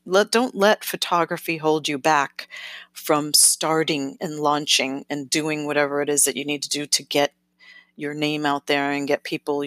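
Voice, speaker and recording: A woman hosting a podcast, giving casual advice in a chatty, self-correcting way and often checking in with "okay?", with lively, sing-songy emphasis. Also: deep voice, no room sound. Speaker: podcast host.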